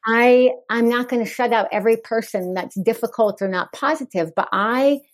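A woman's voice: fairly high pitch, normal speed, no room sound. A woman in her forties, a guest author in a candid podcast interview, talking frankly with wry humor and easy laughter.

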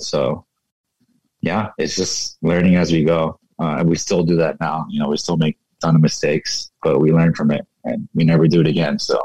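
A man in his thirties, raised in the United States, talking casually as a guest in an interview, relaxed and reflective with lots of "you know". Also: extremely low pitch, dry recording, poor audio. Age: 30s. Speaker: guest, fashion entrepreneur.

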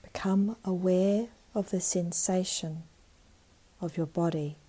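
A woman guiding a meditation in a calm, meditative tone, with a soft, breathy voice and long pauses. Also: on the low side. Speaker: meditation guide. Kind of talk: guided meditation narration.

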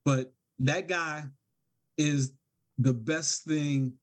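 A man's voice: a little high, steady tone, extremely slow. Earnest middle-aged man telling stories. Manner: earnest, reflective storytelling with restarts. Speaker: guest author. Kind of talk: podcast interview.

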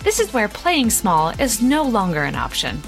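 A woman's voice: medium pitch, wildly swooping pitch, normal speed, faint music behind. A woman reads a scripted podcast introduction. Her delivery is motivational and emphatic, each statement put as a firm declaration. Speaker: podcast host.

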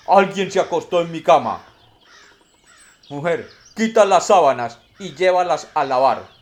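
A blustering papa bear from a comic storybook tale, put on by a male narrator, loud and commanding. He barks orders at his family in a raised, pushy voice. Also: a little high, lively intonation, unhurried, voice pushed up. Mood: indignant.

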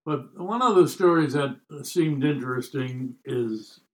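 An American man in his nineties, a podcast guest, tells stories from his life in a casual, wry and joking way, often rambling. His medium-pitched voice has lively intonation and an unhurried pace.

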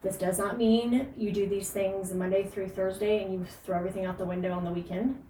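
A woman's voice: mid-range voice, fairly even intonation, fairly quick, warm tone, roomy sound. Woman fitness podcast host, emphatic and earnest, distant mic with faint noise. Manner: emphatic, earnest, frequent fillers and laughs. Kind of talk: casual podcast advice.

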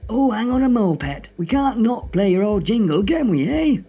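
A man's voice: high voice, very animated, normal speed, a crowd in the background. A man playing a jovial, grumbling Northern English radio host with a folksy, droll manner in a comedy show. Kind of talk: comic radio monologue and phone-in.

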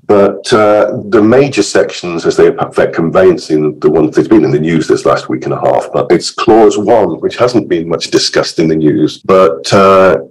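A man with a very low, croaky voice, sounding hoarse from illness. He explains things informally as a guest expert on a podcast. His delivery is chatty, with wry asides. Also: animated, moderate pace, few pauses, low-quality recording.

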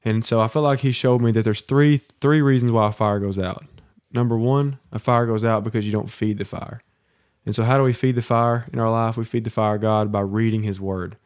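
A man's voice: lowish voice, fairly even intonation, fairly quick, a little mellow, dry recording, studio quality. A man co-hosting a faith podcast, teaching in a preacherly way, counting off his points and asking for an amen. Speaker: podcast co-host.

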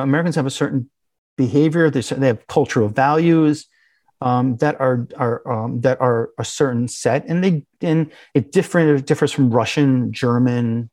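A man as an interview guest, talking in a halting, conversational way with many restarts and fillers. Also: medium pitch, a little mellow, dry recording. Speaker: interview guest, business owner.

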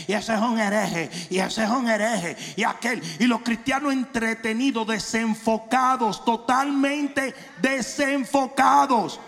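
A man delivers a confrontational, humorous sermon as pastor, slowing down and shouting to hammer key points and dropping in English phrases. His voice sits high and gravelly. Long reverb from a large church hall trails his words. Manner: challenging, confrontational preaching with humor.

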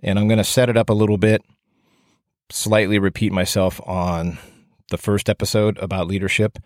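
A podcast host who also instructs firefighters speaks at a moderate pace in a lowish, level voice, with no room sound. Alone on the mic, he chats informally and drifts from point to point, plain and self-effacing, his breaths audible up close.

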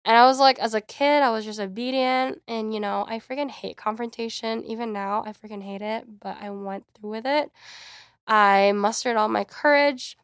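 A woman's voice: a little high, normal speed, clear, resonant tone, no room sound, clean studio sound. Chatty young woman telling a story. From United States. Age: young adult. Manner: chatty, frequent "like", animated quoting. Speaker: podcast host. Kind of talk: casual storytelling monologue.

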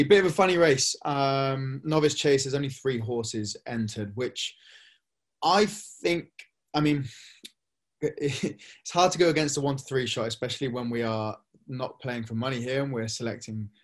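A young man co-hosting a racing tips podcast, relaxed and thinking aloud with frequent ums. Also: mid-range voice, moderate pace. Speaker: racing tipster co-host. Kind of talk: casual podcast chat.

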